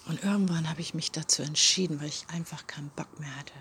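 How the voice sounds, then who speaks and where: A woman speaking in a personal, reflective monologue, often dropping into a soft half-whisper and talking straight to the listener. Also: low voice, fairly even intonation, fast, slight background noise. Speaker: self-help speaker.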